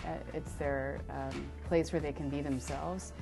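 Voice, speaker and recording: A woman teacher with a low voice speaks in a reflective, measured way. Soft music plays behind her. She is giving a documentary interview. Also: steady tone, gravelly. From San Diego, California. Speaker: writing teacher. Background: background music.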